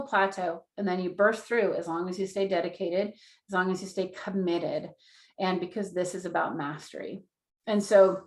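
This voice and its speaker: A woman in her thirties teaches a class with an earnest, repetitive delivery, sometimes acting out an inner voice as she explains. Her voice sits in a middle pitch. The room gives it a noticeable echo. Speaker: Human Design teacher. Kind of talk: online class lecture.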